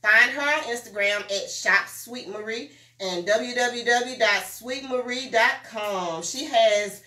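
A woman hosting a casual talk show, giving lively sponsor shout-outs and talking straight to her listeners. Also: on the high side, slow. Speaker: podcast host. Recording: roomy echo, mic at a distance.

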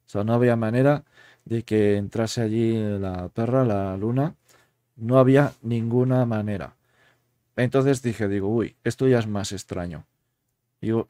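Man, paranormal show host, mellow dark voice, dry close sound. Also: medium pitch, dry recording. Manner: explains at length, admits playful mischief. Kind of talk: conversational storytelling.

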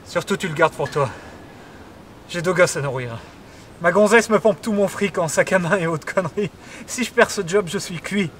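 A man's voice: high-pitched, moderate pace, fairly bright tone, a little hiss or hum. An actor playing a panicked middle-aged office worker who fears losing his job, speaking in a pleading, bitter confession on the phone. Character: anxious middle-aged office worker faking Belgian life.

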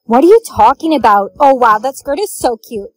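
A woman's voice: sits high, animated, moderate pace, no room sound. A young woman acting many roles in comedy skits, teasing and blunt. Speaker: skit co-actor.

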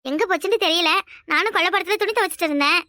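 Woman voicing a cheeky young village girl, very high. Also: very fast, pushed and bright, no echo, clean studio sound. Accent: Kanyakumari Tamil. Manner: cheeky, earnest. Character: young unmarried village girl, spirited and fond.

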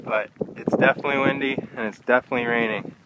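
Talking fast in a mid-range, fairly even voice, a young man casually narrates his hike into a phone at arm's length. The wet, windy mountain trail makes for a noisy outdoor recording, dominated by loud wind and rain.

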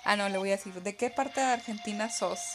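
A young woman, chatting excitedly while playing a game on a live stream. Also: medium pitch, background noise. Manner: chatty, excitable, quick laughs. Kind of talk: casual live-stream chat.

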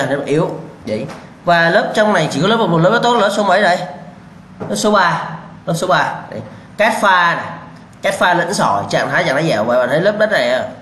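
A man's voice: fairly high pitch, fairly bright tone. A male lecturer drilling students with rhetorical questions, repeating key answers and bluntly warning them about mistakes. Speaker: civil engineering lecturer. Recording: echoey room with faint background hum.

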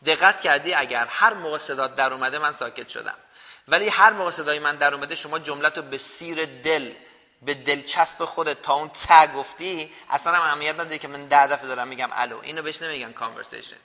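A man's voice: on the high side, bright, forceful tone, big-room sound. A man hosting a call-in show, arguing and lecturing his caller in a heated debate. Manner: argumentative, lecturing.

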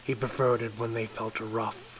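A man narrating a horror story in a slow, measured, subdued voice. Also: on the low side, little pitch movement, slight background noise, rough recording.

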